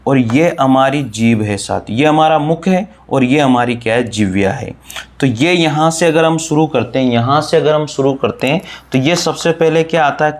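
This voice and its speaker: A man teaching an online grammar lesson, explaining step by step, asking questions and answering them himself, repeating the key points and addressing his viewers as friends. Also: mid-range voice.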